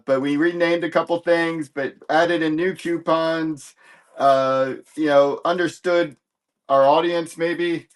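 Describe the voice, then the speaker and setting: A man hosting a live comic book sales stream in casual chat, rambling and easygoing as he corrects himself and cracks light jokes. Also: medium pitch.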